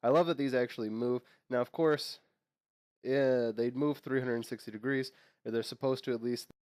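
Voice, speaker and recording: The host is a young man with a steady, slightly mellow mid-range voice at a moderate pace, nasal because he has a cold. It's clean studio sound with no echo. He chats casually about unboxings and lore, wandering off with fillers and restarts.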